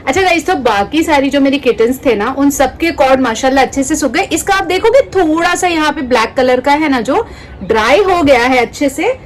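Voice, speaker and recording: A woman's voice: sits high, lively intonation, brisk, slight background noise. A woman in her thirties vlogging casually, chatting to her viewers and mixing English words into her Hindi. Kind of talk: casual vlog chat to viewers.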